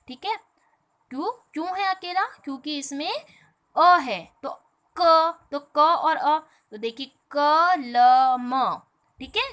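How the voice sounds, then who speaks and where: A woman teaching a primary school class, her voice high and bright. She explains step by step, repeats her own questions back to the pupils and calls them "beta". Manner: explains slowly, often asks and answers her own questions; draws out each letter sound aloud. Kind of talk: recorded online class lesson.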